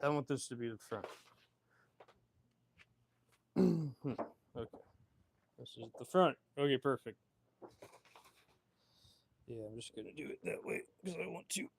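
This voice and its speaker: Reading viewer comments aloud on his livestream, a man in his twenties rambles casual answers full of laughs, stumbles and repeated words. He speaks a little slowly in a mid-range, husky, expressive voice with vocal fry and long pauses.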